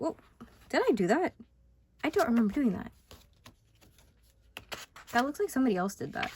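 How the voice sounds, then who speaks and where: A woman's voice: fairly low pitch, gravelly, slight background noise. A young woman, sick, chatting casually and rambling through a sketchbook tour, cutting herself off often. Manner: chatty, rambling, self-interrupting. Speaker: vlogger.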